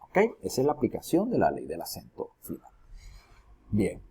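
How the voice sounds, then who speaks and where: A man's voice: lowish voice, wildly swooping pitch, normal speed, dark tone, husky. A man teaching a recorded lesson, explaining each step and asking his students questions as he goes. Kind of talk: recorded lesson on poetry metrics.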